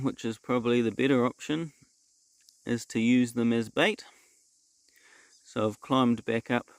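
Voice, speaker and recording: A man with a New Zealand accent and a gravelly voice, yarning casually and dryly like a laconic backcountry bushman as he talks through his trapping. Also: mid-range voice, no echo. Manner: laconic, dry-humoured outback bushman. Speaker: predator trapper and vlogger. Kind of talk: casual bush yarn to camera. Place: outdoors in the bush.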